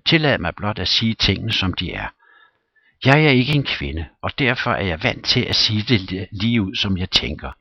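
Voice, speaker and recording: Man playing a loud brusque landowner, blustering and challenging, read-aloud play. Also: lowish voice, sing-song, dry recording, lo-fi sound, pitched above the performer's own voice. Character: blustering, quarrelsome middle-aged landowner.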